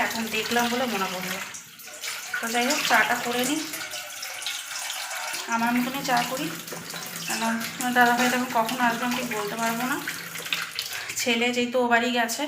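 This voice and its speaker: In her home kitchen, a vlogger from Bengal in her thirties talks casually to viewers as she cooks and cleans. Her pitch is fairly high, and the recording has an echoey room sound and heavy background noise.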